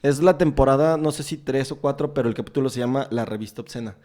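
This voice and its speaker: Un hombre con acento mexicano que conduce un pódcast y conversa de forma casual, contando escenas con muchas muletillas. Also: male voice, medium pitch, fast talker, mellow. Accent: Mexican Spanish. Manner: chatty, retells scenes at length with filler words. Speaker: podcast host interviewing a guest.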